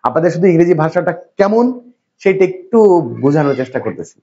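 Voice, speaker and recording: A man's voice: on the high side, lively intonation, fast talker, a little mellow, dull audio. A man teaching English to a class, from Bangladesh, who keeps putting questions to the students and reassuring them. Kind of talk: classroom lecture.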